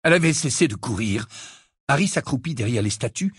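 Dramatic storybook narrator, voice rises and falls a lot, mid pitch. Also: a little fast, slightly rough, no echo, studio quality. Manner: expressive, lively storytelling. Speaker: audiobook narrator.

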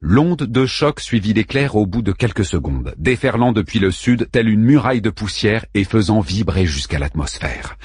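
A man narrating an audiobook in a steady, measured way. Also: lowish voice, breathy edge, no echo, clean studio sound. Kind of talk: scripted narration.

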